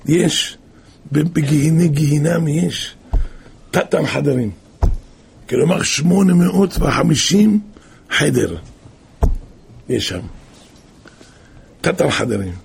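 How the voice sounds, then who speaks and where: A man preaching, telling a moral story in an animated storytelling way with wide swings of pitch. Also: creaky, long pauses, a little hiss or hum.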